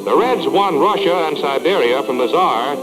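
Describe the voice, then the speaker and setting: A man's voice: on the high side, expressive, moderate pace, low-quality recording. A man narrating an old newsreel in a clipped, headline-style announcer delivery. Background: loud music.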